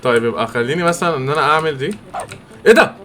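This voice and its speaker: A young man with an Egyptian accent commentating his own gameplay, excitable and quick to react loudly. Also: fairly high pitch. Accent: Egyptian Arabic. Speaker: gamer. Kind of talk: let's-play game commentary.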